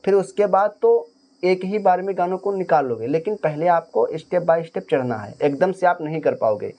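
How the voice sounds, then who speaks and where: A man's voice: sits high, animated, moderate pace, dark tone. A man teaching harmonium in a casual spoken lesson, explaining step by step and singing short phrases to show each note. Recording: faint harmonium music behind. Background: harmonium playing.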